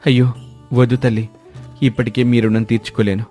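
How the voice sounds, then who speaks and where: Storybook role: grateful poor worker, soft, sincere and humble, a man doing him. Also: mid-range voice, level tone, a little fast, faint music behind, close to an everyday voice.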